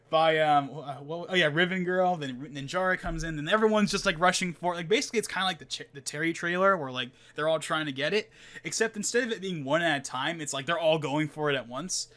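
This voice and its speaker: A man's voice: on the high side, bright, forceful tone. A young man hosting a gaming podcast, rambling casually with many fillers and laughs. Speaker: podcast host.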